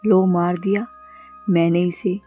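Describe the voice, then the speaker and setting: A woman's voice: on the low side, level tone, takes it slowly, warm tone, soft background music. A woman voicing a ruthless female witch who speaks in cold, scornful threats in a horror storybook.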